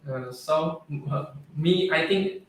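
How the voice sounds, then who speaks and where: A man's voice: fairly high pitch, slow pace, fairly bright tone, distant mic. A young man from Indonesia, a university student, answering hesitantly as a guest. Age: young adult. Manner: hesitant, many fillers and restarts. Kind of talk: casual interview answers. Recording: very echoey, off-mic with faint room noise.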